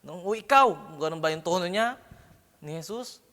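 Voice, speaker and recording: Preaching at a moderate pace, this pastor has a slightly high, fairly bright voice. He keeps asking the congregation "Amen?" or "No?" and mixes in English words, all heard with long hall reverb.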